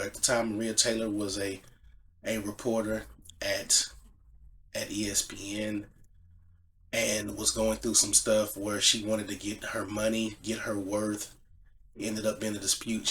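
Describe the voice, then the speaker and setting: A man's voice: on the low side, little pitch movement, moderate pace, a bit bright, a little hiss or hum. A man giving casual sports commentary, emphatic, restating phrases to drive each point home. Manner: emphatic, repeats phrases for stress.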